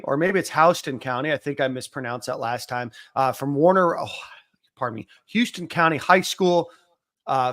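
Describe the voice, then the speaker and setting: A man hosting a sports podcast talks casually, his speech heavy with "uh" fillers and some self-mockery. His voice is at medium pitch with a fairly bright tone.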